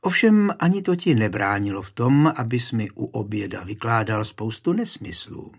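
A man with a husky voice reading the lines of a spirited queen who teases and coaxes her husband. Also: lowish voice, sing-song, full character voice. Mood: coaxing. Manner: playful, coaxing. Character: spirited queen, teasing and stubborn.

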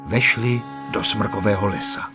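A man reading a children's story aloud as narrator, expressive and rising and falling. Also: lowish voice, music in the background.

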